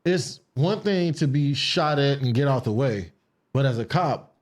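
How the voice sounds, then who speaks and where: A man hosting a podcast, asking quick, casual questions and repeating himself as he talks. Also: medium pitch, expressive. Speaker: podcast host. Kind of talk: casual interview chat.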